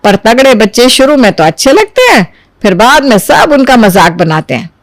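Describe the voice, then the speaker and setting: A woman's voice: a little high, very animated, normal speed, no room sound. A coaxing cartoon mother. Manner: coaxing, reasoning. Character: practical middle-aged mother.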